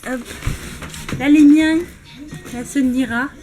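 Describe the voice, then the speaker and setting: A woman's voice: high-pitched, steady tone, unhurried, mellow, soft background music. A young woman from France chatting cheerfully as she films her vlog, laughing often. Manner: cheerful, laughs often, narrates while filming. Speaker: vlogger, exhibitor. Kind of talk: casual handheld vlog chat. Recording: noisy background.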